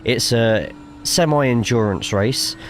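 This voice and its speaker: A man's voice: medium pitch, takes it slowly. A man with a cough giving casual, chatty live commentary while streaming a sim racing game, swearing freely and reading chat aloud.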